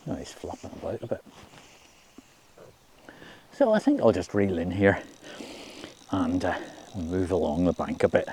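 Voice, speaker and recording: A Scottish man chatting casually in an unhurried, low-key way, as if musing to himself while presenting his fishing outdoors. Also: wildly swooping pitch, darkish tone. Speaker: angler presenting own fishing outing. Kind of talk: casual fishing vlog commentary. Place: outdoors by a loch. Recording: noisy outdoor ambience.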